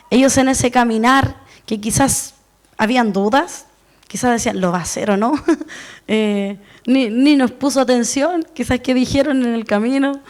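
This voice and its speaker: A woman giving a sermon in an earnest, personal way, counting herself among her listeners. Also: high-pitched. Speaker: preacher.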